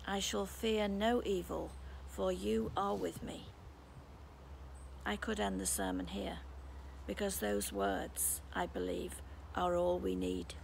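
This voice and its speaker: Brief: British female priest, 60s, heavy vocal fry, calm reflective sermon, faint ambience. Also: medium pitch, a little hiss or hum, rough recording. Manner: calm, measured, reflective delivery. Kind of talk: sermon read from notes. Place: garden outdoors. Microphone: phone camera held close.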